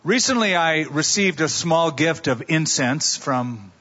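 A pastor delivering a sermon at a pulpit microphone, telling stories in a conversational way and asking rhetorical questions. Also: male voice, on the high side, lively intonation, measured pace, bright, forceful tone, in a large hall, highs cut off.

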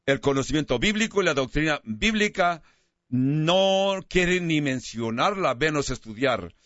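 Male pastor, sermon, slow emphatic stresses, dull dry sound. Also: on the high side, a bit bright, no room sound. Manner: preaches with slow, emphatic stresses on key words.

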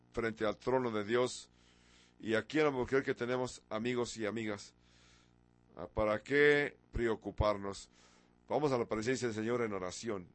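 A man in his sixties delivers a sermon in a mid-pitched voice. He strings together rhetorical questions and leans hard on key words, sometimes slowing to a deliberate crawl. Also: dry recording. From from abroad, a country once ruled by an emperor. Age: 60s. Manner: rhetorical questions, emphatic with sudden rises. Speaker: preacher.

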